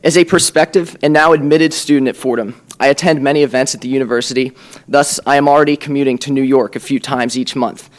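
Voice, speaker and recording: Raspy whiskey voice, american guy late teens, reading a formal speech, polite and earnest. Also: mid-range voice, fairly even intonation, quick pace. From Pennsylvania, USA. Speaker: student candidate for a school board. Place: public board meeting room.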